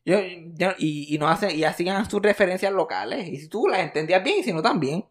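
A man in his thirties with a Puerto Rican accent, co-hosting a casual chat, animated and profane, tossing English words into his talk. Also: high voice, fairly quick. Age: 30s. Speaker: podcast co-host.

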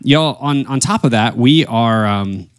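A man hosting a casual podcast in a folksy way, often pausing to think aloud as he talks to listeners. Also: medium pitch, no room sound, clean studio sound. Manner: folksy, addresses listeners as y'all. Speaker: podcast host; wedding and portrait photographer.

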